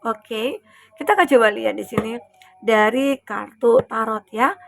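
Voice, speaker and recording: A woman's voice: a little high, unhurried, gravelly, a little hiss or hum. A woman with an Indonesian accent giving a casual general tarot reading, chatty and full of fillers, acting out what the other person thinks. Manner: chatty, many fillers and acted quotes, soft asides. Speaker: tarot reader.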